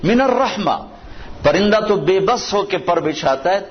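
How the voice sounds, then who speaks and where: Man preaching, storytelling sermon, fairly high voice, dull lo-fi recording with faint hiss. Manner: storytelling, recites Arabic verses in a low measured voice.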